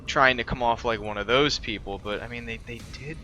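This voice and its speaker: Bright-toned man in gaming chat. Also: medium pitch, a little fast, slight background noise.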